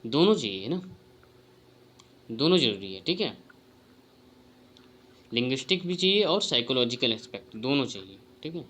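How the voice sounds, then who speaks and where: Male tutor, exam-prep lecture, bright, forceful tone, asks and answers his own questions. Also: mid-range voice, sing-song, moderate pace, long pauses.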